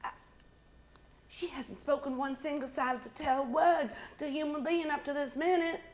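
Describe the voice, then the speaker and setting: A woman's voice: fairly even intonation, moderate pace, lightly acted. A woman voicing a bossy, indignant middle-aged mother who scolds and calls out shrilly. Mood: worried. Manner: shrill, scolding, calling out loud. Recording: roomy echo.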